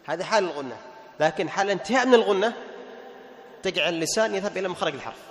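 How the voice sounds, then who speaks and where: A man with a notably high, animated voice teaches recitation rules to students in a classroom. He fires quick rhetorical questions, answers and repeats them, and breaks into short chanted examples, while long hall reverb trails each phrase.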